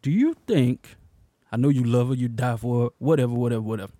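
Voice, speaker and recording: A man's voice: medium pitch, quick pace, mellow, no room sound, clean studio sound. A young man co-hosting a casual podcast, ranting bluntly, swearing and laughing often. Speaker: podcast co-host.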